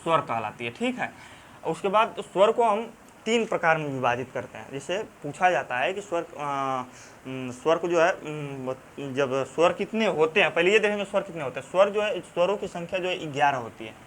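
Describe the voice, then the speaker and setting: A man with a Banarasi accent teaching a grammar lesson in a fairly high voice. He goes over each term again and again, stops to ask if the class is following, and fills his pauses with drawn-out sounds. A faint hiss runs under the recording. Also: expressive, a bit bright. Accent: Banarasi Hindi. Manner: repeats key terms, checks in with "theek hai"; halting, many fillers and restarts.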